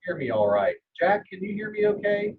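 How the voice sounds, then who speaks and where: A man presenting a development plan over a remote call, his voice muffled and hollow as if inside a barrel, in a measured, practical way. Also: high-pitched, very animated, a little hiss or hum. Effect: muffled hollow sound, as if inside a barrel. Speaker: project presenter at a public meeting. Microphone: remote call connection.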